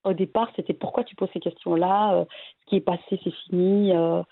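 A woman from Belgium, a guest talking casually and hesitantly about her family, with many pauses and restarts. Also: lowish voice, fairly even intonation, creaky, slightly rough, no echo. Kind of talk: casual interview conversation. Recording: tinny phone-like line.

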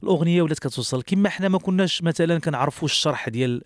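A man's voice: on the high side, racing, dry recording, studio quality. A male singer with a Moroccan accent answering interview questions earnestly, often restarting his sentences.

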